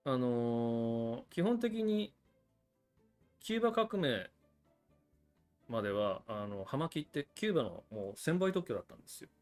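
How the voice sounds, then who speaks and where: A man's voice: medium pitch, big pitch swings, measured pace, long pauses, faint music behind. A man hosting a livestream about cigars, explaining things in a chatty, casual way with frequent asides to viewers. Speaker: cigar channel host.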